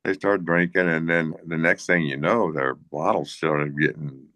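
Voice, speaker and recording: A man being interviewed as a hunting guide, telling a casual story in a rambling, halting way with many restarts and chuckles. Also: very deep voice, fairly bright tone, no echo. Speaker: guest, hunting guide and bush pilot.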